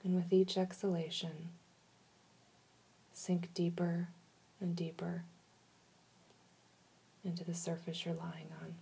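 A woman leading a guided relaxation in a soft, soothing manner, giving slow instructions with long pauses. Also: fairly low pitch, little pitch movement, vocal fry, a little hiss or hum.

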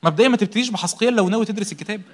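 A man's voice: high-pitched, rapid-fire. A young man with an Egyptian Arabic accent preaching a sermon, asking rhetorical questions, answering them himself and repeating key words for emphasis.

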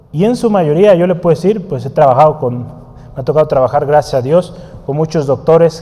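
A man's voice: on the high side, mellow, long reverb tail. A man teaching a Bible study lesson in a conversational way, often asking his listeners questions and writing on a board. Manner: writes on a board while teaching.

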